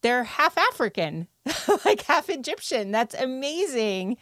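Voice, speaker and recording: A woman hosting a podcast, presenting clearly and with enthusiasm. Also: high-pitched, big pitch swings, slow, a bit bright, dry recording, studio quality. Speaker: podcast host.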